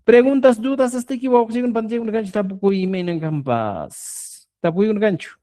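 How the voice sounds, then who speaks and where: A man's voice: high-pitched, a little fast. A man teaching a live online language class, explaining grammar and checking in with his students again and again. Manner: lively, checks in constantly with "¿ya?". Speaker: Quechua teacher. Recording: live video call.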